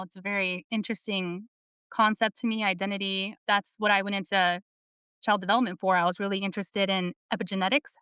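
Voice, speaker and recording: Brief: young woman, frank and passionate, swears casually, crisp clear voice. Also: medium pitch, fairly bright tone, no room sound, clean studio sound. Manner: blunt, outspoken, swears. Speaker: panelist, student. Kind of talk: casual discussion.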